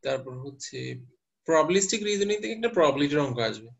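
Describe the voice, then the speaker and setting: A man's voice: a little high, animated, fast, gravelly. A male teacher lecturing a class step by step and quizzing his students as he goes. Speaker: university teacher. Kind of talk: lecturing class, mixing English terms. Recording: muffled lo-fi class recording.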